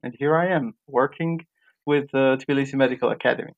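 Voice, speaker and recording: A man's voice: mid-range voice, fairly even intonation, fairly quick. A young man from Iraq, raised in Jordan, answering interview questions with many fillers and restarts. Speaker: guest, medical graduate. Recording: dull lo-fi sound.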